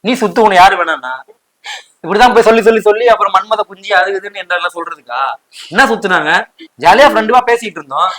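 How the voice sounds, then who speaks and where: A quick, fairly high-pitched young man, defensive and indignant as he confronts the others. His words come fast and sharp. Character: young man housemate, accused and defensive, [name].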